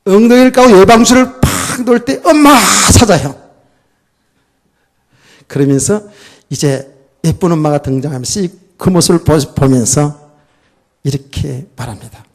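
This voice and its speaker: Lively high-pitched Korean pastor preaching. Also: male voice, normal speed, long pauses. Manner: lively preaching, asks the congregation questions. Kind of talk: sermon.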